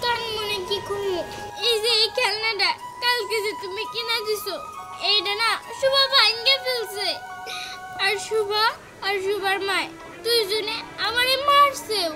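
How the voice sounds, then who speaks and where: A woman's voice: very high-pitched, measured pace, pauses often. A woman playing a young village girl, a wronged stepdaughter who complains and pleads. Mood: plaintive. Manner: plaintive, whiny, pleading. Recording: music playing under the voice.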